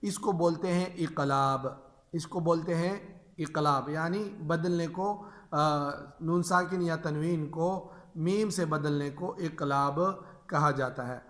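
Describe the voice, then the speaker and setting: Bright-voiced man teaching Quran reading. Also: a little high. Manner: patient, repeats each rule and drawls examples slowly. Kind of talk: explaining tajweed rules to teachers.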